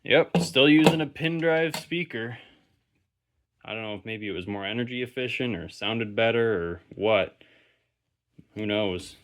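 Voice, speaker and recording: A man with a fairly low, unhurried voice hosts a vintage electronics inspection video, offering casual remarks that ramble as he thinks aloud without a script.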